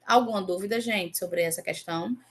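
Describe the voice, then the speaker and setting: A woman teaching a Portuguese grammar class online, going over exam answers and often checking in with her students. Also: on the low side. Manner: repeats example words slowly.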